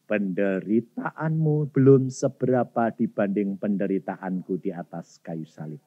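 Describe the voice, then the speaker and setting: A grave male divine voice, low and rebuking, as a preacher acts it out. It is solemn and measured, and the sound is muffled and lo-fi. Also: no echo. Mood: stern. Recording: dull lo-fi recording.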